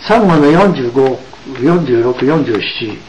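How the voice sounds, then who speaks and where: Male religious lecturer, animated intonation, emphatic and explanatory, faint room hum. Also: mid-range voice, poor audio. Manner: emphatic, with frequent drawn-out asides. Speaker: religious teacher.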